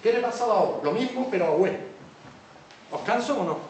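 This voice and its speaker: A man's voice: sits high, expressive, fairly quick, crowd noise. A man giving a public lecture as a teacher, explaining examples and often checking in with his listeners. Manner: keeps checking in with the audience. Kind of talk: public lecture on word origins. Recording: echoey hall from far off, faint noise.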